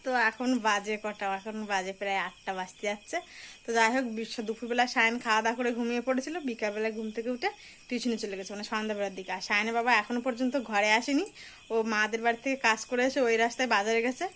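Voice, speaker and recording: A young woman narrating a casual family vlog in a chatty way, talking softly to her young son at times. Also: on the high side, fairly even intonation, fast talker. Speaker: family vlogger.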